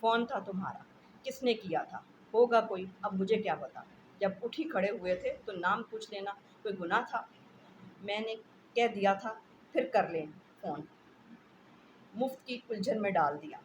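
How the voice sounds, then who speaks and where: A woman's voice: mid-range voice, normal speed, dull audio, natural voice. A woman reading the part of a harried housewife who scolds a noisy child. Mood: scolding. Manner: scolding, threatening.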